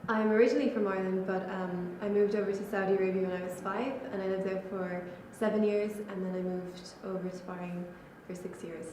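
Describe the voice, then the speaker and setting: A young woman, a college student, answers interview questions casually and talks in a relaxed way full of fillers. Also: mid-range voice, brisk, few pauses, a little hiss or hum. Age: young adult. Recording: echoey room.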